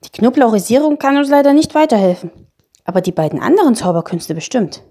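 A woman voicing a practical, doubtful young boy in a storybook reading, quick and matter-of-fact. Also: on the high side, very animated, mellow, husky, pitched above the performer's own voice, heavily acted. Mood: brisk.

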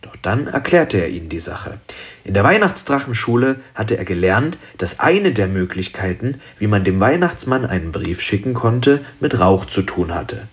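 A man narrating a children's story in a lively, expressive way. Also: on the low side, moderate pace.

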